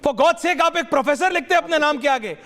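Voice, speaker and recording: A woman anchoring a heated TV debate, forceful and combative, dropping English phrases into her talk. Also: sits high, a little fast.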